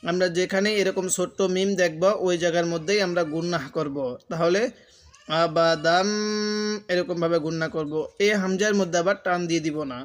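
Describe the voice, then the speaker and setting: A high-pitched man with a Bangladeshi Bengali accent teaches Quran reading one syllable at a time. He explains each letter plainly, then chants the sounds in long, slow, drawn-out tones. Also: steady tone. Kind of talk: spelling-out recitation lesson.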